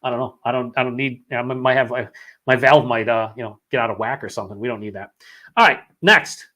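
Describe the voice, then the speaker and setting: A man's voice: medium pitch, fast, sharp tone. A man with a sore throat after hours of talking, hosting a live beer-review stream, rambling and swearing as he reads chat comments aloud.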